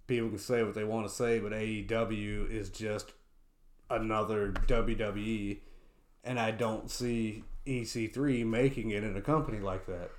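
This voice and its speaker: A man's voice: lowish voice, fairly even intonation, moderate pace, slight background noise. Rambling man talking wrestling, echoey room. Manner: rambling, repeats words and says "you know" a lot. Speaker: podcast co-host. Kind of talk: casual wrestling chat.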